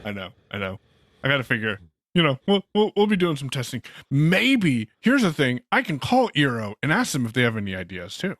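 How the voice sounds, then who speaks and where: A man's voice: mid-range voice, huge pitch swings, a little fast, fairly bright tone, no echo, clean studio sound. A man co-hosting a podcast, chatting casually about tech and making sarcastic asides. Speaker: podcast co-host.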